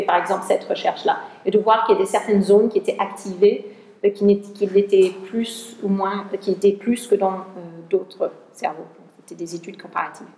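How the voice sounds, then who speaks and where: A woman researcher with an English-speaking accent talks to an audience, stopping and restarting often. Her voice has some gravel in it. The sound is roomy, with the long reverb of a hall. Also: medium pitch, dark tone. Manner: hesitant, many restarts, mixes in English words. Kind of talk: talk with an audience.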